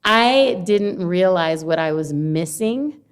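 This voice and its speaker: Middle-aged woman from Honduras, guest, lively storyteller who laughs a lot. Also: lowish voice, slow, clear, resonant tone. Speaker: guest, longshore worker and former teacher. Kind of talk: casual interview conversation.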